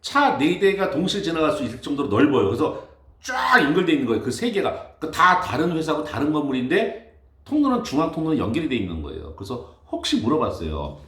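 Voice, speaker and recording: A man spins a worn-out workplace story in casual talk, his voice sitting a little high and leaping up and down with feeling. He acts out everyone he quotes, and the room around him rings with a noticeable echo. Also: fast talker. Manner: animated, exasperated anecdote telling with acted-out quotes. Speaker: building facility manager.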